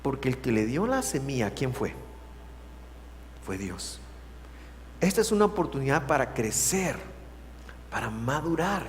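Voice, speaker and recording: Man, Guatemalan accent, pastor preaching, lively swooping intonation, loud emphasis and hushed stretches, long hall reverb, faint hum. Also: medium pitch. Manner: animated preaching, alternating loud emphasis with hushed, drawn-out words. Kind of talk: sermon. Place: church sanctuary.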